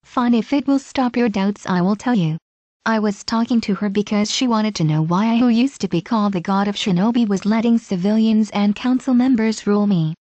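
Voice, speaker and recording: A woman's voice: mid-range voice, a little fast, dark tone, no echo, close to an everyday voice. A woman voicing a weary old male village leader who speaks curtly and commandingly. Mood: stern. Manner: curt, commanding.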